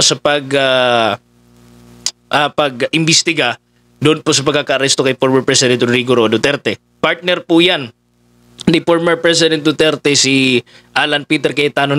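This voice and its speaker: A man's voice: medium pitch, pushed and bright, dry recording. A man giving casual political commentary, talking conversationally with many fillers as he addresses his listeners.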